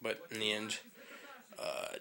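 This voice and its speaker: Young male vlogger, bright tense voice, low-pitched, rambling chatty recap, slightly out of breath. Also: animated, slow, gravelly. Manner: rambling, chatty, many fillers and restarts. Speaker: wrestling fan vlogger. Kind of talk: casual results recap.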